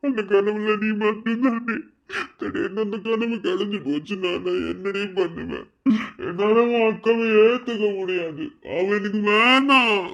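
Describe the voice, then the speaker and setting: Brief: man voicing a slow, high-voiced, wailing jilted lover with a Madurai Tamil accent, on a dull lo-fi track. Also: a bit bright. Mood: despairing. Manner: wailing self-pity, drawn-out laments. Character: heartbroken young man drinking away his sorrow. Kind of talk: cartoon voice acting.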